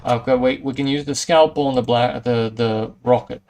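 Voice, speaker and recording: A man's voice: mid-range voice, fairly even intonation, moderate pace, a little mellow. A man giving casual let's play commentary, hesitant and thinking aloud. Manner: hesitant, musing. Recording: faint game music behind.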